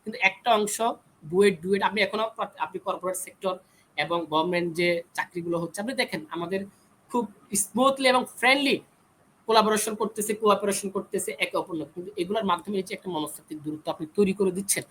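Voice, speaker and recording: A man's voice: high-pitched, quick pace, fairly bright tone, slight background noise, rough recording. A young man speaking as a guest on a discussion panel, arguing his side insistently and refusing to be cut off. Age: young adult. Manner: insistent, argumentative, pushes back when cut off. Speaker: panel guest, engineering student. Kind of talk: heated panel debate.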